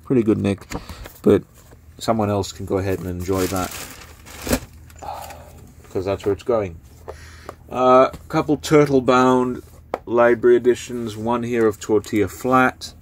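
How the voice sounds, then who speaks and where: Over some background noise, a young book vlogger with a mid-range voice talks casually about the books he's giving away. His spoken review is unhurried and rambling, packed with fillers.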